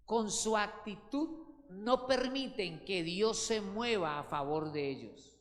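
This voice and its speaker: A man's voice: high voice, animated, slow pace, a bit bright, in a large hall. A male pastor, preaching a sermon with emphatic swings of voice and calling listeners brothers. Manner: emphatic preaching, voice rising and falling widely.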